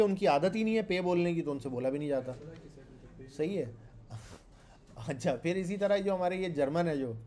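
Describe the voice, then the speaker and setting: A man's voice: on the high side, mellow. A man with a Pakistani Urdu accent giving a classroom programming lecture in a conversational way, often asking the class questions and repeating his points. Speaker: programming instructor. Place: classroom with students.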